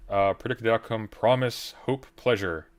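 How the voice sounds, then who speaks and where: A man's voice: on the low side, a little slow. A man reacting to a video with dry, muttered asides. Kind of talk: casual reaction commentary.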